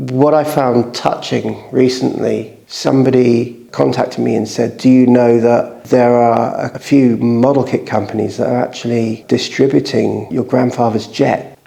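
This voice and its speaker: A man as an interview guest, earnestly recounting his grandfather's story in a measured storytelling manner. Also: medium pitch, creaky, warm tone. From United Kingdom.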